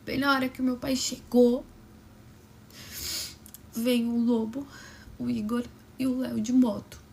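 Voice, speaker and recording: A young woman with a high, gravelly voice tells a personal story, dropping often into a soft whisper. Her delivery stays emotional and close. A light hiss of noise lies under it. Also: flat delivery, measured pace.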